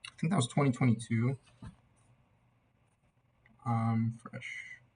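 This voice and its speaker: A young man giving a casual, tipsy album reaction in a loose, meandering, slightly husky way. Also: medium pitch, steady tone, a little slow. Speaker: amateur music reviewer.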